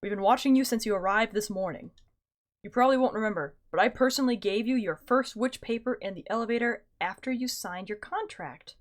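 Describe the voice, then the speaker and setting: A woman voicing a calm, secretive man who leads a hidden band of office rebels in a game, speaking in a measured, conspiratorial way. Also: fairly high pitch, lightly acted. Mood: hushed formal.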